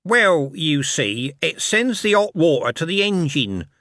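A jittery, scruffy little corporal rushes his words out, eager to please, as a man puts him on. His voice sits higher and swoops widely, heard dry and close. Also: sing-song, sharp tone, no echo, exaggerated voice. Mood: nervous. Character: nervous scruffy male watch corporal.

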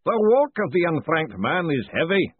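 A man voicing a solemn male master of a secret rite who booms slow ceremonial commands. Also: big pitch swings, husky, no room sound, narrow, tinny audio.

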